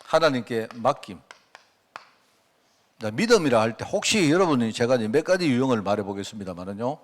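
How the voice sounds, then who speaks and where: A man's voice: mid-range voice, animated, brisk. A middle-aged man preaching a sermon as a pastor, chatty and full of rhetorical questions, acting out quoted prayers along the way. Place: church sanctuary.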